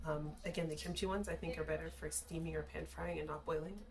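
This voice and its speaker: A woman with a slightly low voice hosts a casual eating and cooking video. She is tipsy from shots and talks to the camera in loose slang, swearing freely as she goes. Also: fairly even intonation, quick pace, creaky, a crowd in the background. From Caribbean background. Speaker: mukbang and drunk-cooking video host.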